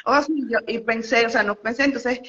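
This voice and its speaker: Young woman, Venezuelan accent, bright voice, animated storyteller, many fillers, muffled lo-fi sound. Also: on the high side, fairly quick. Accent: Venezuelan Spanish. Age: young adult. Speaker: interview guest. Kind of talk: casual phone interview storytelling.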